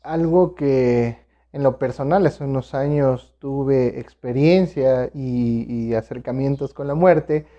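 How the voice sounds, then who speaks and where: A man's voice: mid-range voice, slow, mellow, muffled recording. A man hosting an interview, framing his questions hesitantly, with restarts and fillers. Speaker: interviewer host.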